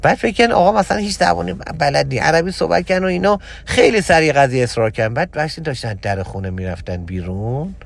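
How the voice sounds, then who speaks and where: A man giving a religious motivational talk as a spiritual teacher, hammering points with repetition and swinging between loud exhortation and a low, confiding tone. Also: animated, vocal fry, hardly any pauses.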